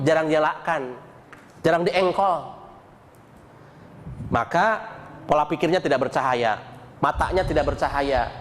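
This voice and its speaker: A man giving an animated Islamic sermon, mixing chanted dhikr with colloquial jokes and stories. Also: a little high, in a large hall, slight background noise. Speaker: preacher. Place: mosque hall.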